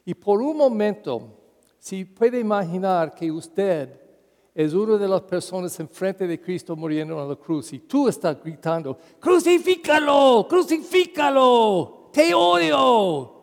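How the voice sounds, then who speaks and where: Slow, earnest priest preaching in a church hall. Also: male voice, on the high side, warm tone. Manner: slow, earnest preaching with acted-out quotes and pauses. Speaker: parish priest. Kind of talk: Spanish-language Sunday homily.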